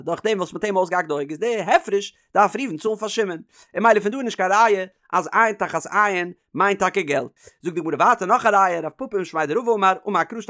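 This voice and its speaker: A man's voice: high-pitched, a bit bright, dry recording, clean studio sound. A man with a Yiddish accent teaching a Talmud lesson in a singsong study chant.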